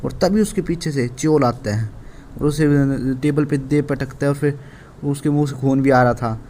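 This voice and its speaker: A man's voice: mid-range voice, normal speed, mellow, slight background noise. Casual Hindi-speaking man recapping a manhwa. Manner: casual, with frequent restarts and fillers.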